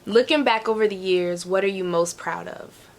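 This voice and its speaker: A woman's voice: mid-range voice, normal speed. A woman answering viewer questions in a casual, candid way, repeating phrases for emphasis and swearing freely. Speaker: host of a Q&A.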